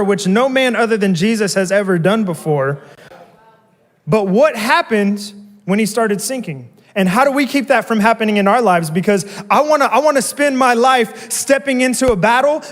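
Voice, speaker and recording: A young man gives a relaxed, slangy youth sermon. His voice sits high for a man. The hall around him rings with a long reverb. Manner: conversational, slangy preaching with asides. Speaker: youth pastor. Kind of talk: casual sermon. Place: church hall.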